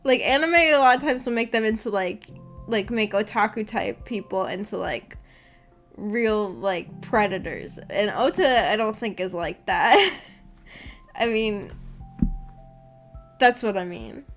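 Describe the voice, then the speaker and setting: Here the woman's voice is mid-range and animated, a little slow, with long pauses. Hosting her visual novel book club stream, she chats loosely with viewers and responds to their comments in a giggly, hesitant, wandering way. Background music plays underneath.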